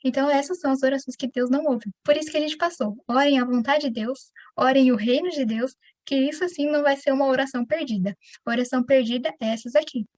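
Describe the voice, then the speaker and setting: A woman with a Brazilian Portuguese accent teaching the Bible in a conversational, animated way, often addressing her listeners directly. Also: sits high, fast, hardly any pauses, dry recording. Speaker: preacher.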